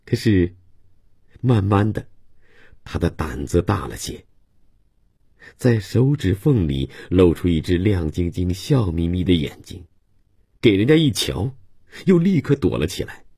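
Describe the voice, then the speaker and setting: A man reading a novel aloud in a calm, measured way. His voice sits very low and has a husky grain. The recording is dry and close, with no room sound. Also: dry recording. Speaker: audiobook narrator. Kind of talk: literary novel narration.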